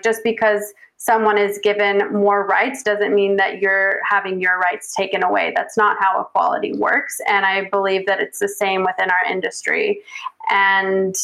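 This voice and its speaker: A woman photojournalist from the United States answering interview questions in an earnest, measured way, with frequent restarts. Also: mid-range voice, a bit bright, low-quality recording. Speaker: guest photojournalist.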